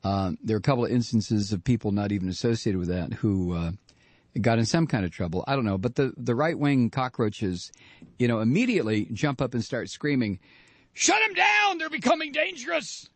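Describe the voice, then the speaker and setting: A man's voice: on the low side, animated, brisk, a little mellow, no echo. Male radio host, mocking and indignant, dry close studio sound. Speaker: radio talk show host. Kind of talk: opinionated political radio monologue.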